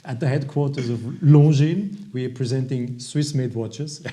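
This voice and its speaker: A man from Austria with an Austrian accent and a gravelly voice, casually presenting products to viewers as a video host in halting, hesitant phrases. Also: medium pitch, mellow. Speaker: watch review video host.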